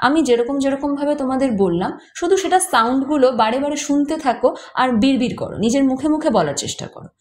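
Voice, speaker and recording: A woman with a Bengali accent and a fairly high voice talks learners through pronunciation. She is patient, repeats sounds slowly and keeps a casual, encouraging lesson tone. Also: animated, darkish tone. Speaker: French teacher, podcast host. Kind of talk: informal language lesson.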